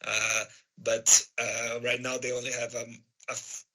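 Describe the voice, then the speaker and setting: A man with a hoarse, sore-throated voice giving an informal panel answer, searching for his words as a guest speaker. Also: medium pitch, flat delivery, measured pace, bright, forceful tone, poor audio.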